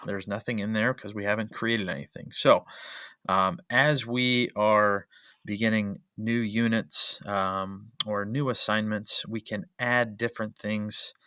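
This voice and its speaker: A man's voice: on the low side, steady tone, a little slow, sharp tone, smooth, no room sound. A male history teacher narrating a screen-recording tutorial as a voice-over, explaining each step methodically with frequent "uh" and "um" fillers.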